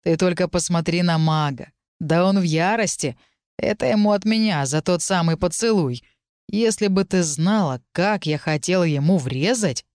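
A woman's voice: on the low side, moderate pace, a little mellow, dry recording, clean studio sound, lightly acted. Woman voicing male dragon, smug, purring, playful, audiobook. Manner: purring, self-satisfied.

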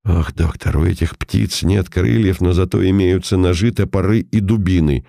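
A man voicing a calm, mocking old detective, deep and gravelly. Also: normal speed, dry recording, studio quality. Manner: cool, commanding, sardonic. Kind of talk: audiobook character voice.

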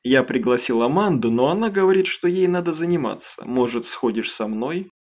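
A man's voice: mid-range voice, expressive, a little fast, a little mellow, lightly acted. Easygoing sly teenage boy, casual tone, read by a man. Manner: casual, grinning.

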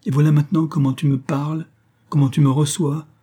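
A man's voice: medium pitch, little pitch movement, moderate pace, a little mellow, husky. A man reading an audiobook, voicing a desperate older woman who pleads with her lover and reproaches him plaintively. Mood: pleading, wounded. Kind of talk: audiobook character voice.

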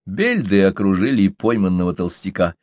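A man narrating an audiobook of a novel in an expressive, dramatic reading style. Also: low-pitched, moderate pace, dry recording.

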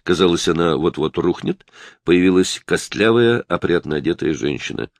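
A man reading a detective novel aloud as narrator, with lively storytelling delivery. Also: sits low, normal speed, dry recording, clean studio sound. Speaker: audiobook narrator.

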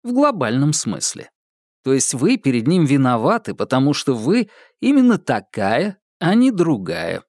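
A composed, sly young man, as a male reader plays him in an audiobook. His delivery is lively in pitch and a touch raised, recorded dry and close. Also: measured pace, dry recording, heavily acted. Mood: calm. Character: calm, sly, smooth-talking young man. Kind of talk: audiobook character voice.

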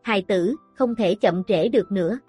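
A woman's voice: mid-range voice, normal speed, a little mellow, husky, soft background music, lightly acted. A woman voicing a blind, broken old male prisoner who speaks with sorrow and regret. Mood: grieving. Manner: sorrowful, sighing.

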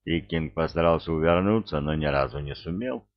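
Man, storybook narrator, deep, gravelly, slow, dull muffled recording. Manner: slow, even, unhurried delivery. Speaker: audiobook narrator. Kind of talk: storybook reading with character voices.

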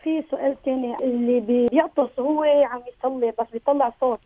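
A woman's voice: high-pitched, fairly even intonation, fast talker, dry recording. A woman caller with a Levantine accent, polite and full of blessings, on a phone line. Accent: Levantine Arabic. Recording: tinny phone line, dry.

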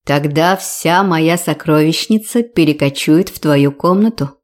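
A woman voicing a proud, tender king in a storybook reading, speaking calmly and with weight. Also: low voice, measured pace, voice pushed down. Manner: calm, weighty, teasing. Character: proud tender young-looking male king.

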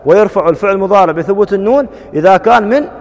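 Man, grammar teacher, fast drilling questions, high voice, long room reverb. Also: animated. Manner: drills students with quick questions, repeats verb forms. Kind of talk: classroom grammar lesson.

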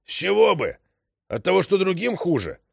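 A man's voice: high voice, sing-song, normal speed, vocal fry, breathy edge, dry recording, studio quality, pitched above the performer's own voice, heavily acted. A man voicing an old ship's engineer who is stubborn and moral, scolding in a raised voice. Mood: reproachful.

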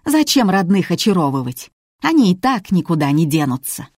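A woman voicing a rude, hot-tempered middle-aged cook who shouts and snaps at everyone. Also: fairly low pitch, big pitch swings, moderate pace, husky, no room sound, clean studio sound. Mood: blunt.

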